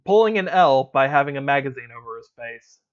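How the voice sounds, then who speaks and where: Through a slightly muffled, lo-fi mic, a male game master briskly describes the scene of a tabletop roleplaying game. His voice sits at a typical middle pitch, and his easygoing narration is peppered with small filler words.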